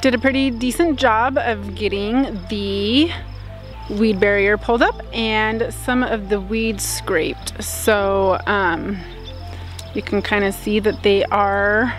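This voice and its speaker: A woman in her thirties talking casually to a handheld camera outdoors in her garden, relaxed, with frequent "um" fillers. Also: medium pitch, takes it slowly, faint music behind. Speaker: homestead vlogger. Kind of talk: casual vlog narration. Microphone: camera held at arm's length.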